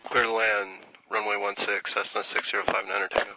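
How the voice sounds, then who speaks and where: A man's voice: fairly low pitch, very animated, brisk, vocal fry. A man speaking as a pilot over a headset radio, making calls in aviation phraseology. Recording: faintly noisy, clicking radio link.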